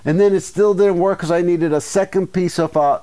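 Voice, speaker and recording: A man's voice: sits high, steady tone, brisk, warm tone, clean tone. A man co-hosting a casual podcast chat, telling rambling stories full of acted asides. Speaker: podcast co-host.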